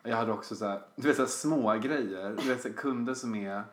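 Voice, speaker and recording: A woman's voice: very deep voice, slight background noise. A young woman, venting casually about customers in an exasperated way. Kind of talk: casual chat. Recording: echoey room.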